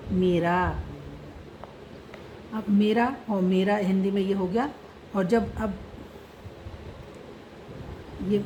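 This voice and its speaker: Female teacher, slow and patient, mellow voice, faint noise behind. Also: medium pitch, rough recording. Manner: spells out letters patiently. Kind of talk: slow script lesson.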